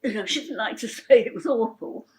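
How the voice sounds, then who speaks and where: Chatty, heartfelt older woman with a high voice. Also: a little fast, darkish tone, low-quality recording. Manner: chatty, rambling, with frequent restarts; emotional and heartfelt. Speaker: interviewee sharing her story. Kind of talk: personal storytelling interview.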